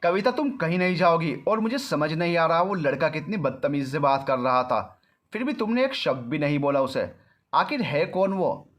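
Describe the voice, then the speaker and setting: A man's voice: on the high side, expressive, moderate pace, fairly bright tone. A man voicing a stern, protective middle-aged mother in a storybook reading, scolding and demanding answers. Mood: alarmed. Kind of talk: storybook narration.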